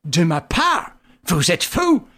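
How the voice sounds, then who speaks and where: A woman voicing a brusque, quick-tempered male detective in an audiobook, speaking in sharp, clipped, scolding phrases. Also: on the low side, big pitch swings, heavily acted. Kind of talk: audiobook character voice.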